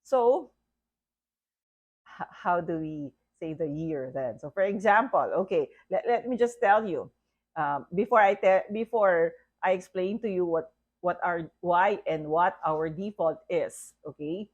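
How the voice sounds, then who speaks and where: A woman's voice: lowish voice, animated, a little slow, muffled recording. A woman teaching a language lesson, patiently repeating words and asking "okay?" often. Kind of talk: slow, deliberate language lesson.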